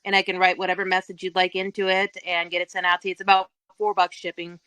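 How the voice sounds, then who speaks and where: A woman's voice: fairly low pitch, level tone, fast talker, pushed and bright, smooth, no echo, poor audio. A woman author as a guest on a podcast, offering details in a friendly, businesslike way. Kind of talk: podcast interview.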